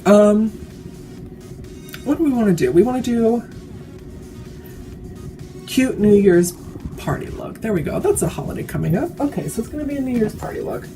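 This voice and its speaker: A woman's voice: fairly high pitch, expressive, moderate pace, pauses often, dark tone, soft background music. A woman giving a casual, chatty makeup tutorial while tipsy, rambling drunkenly and swearing freely.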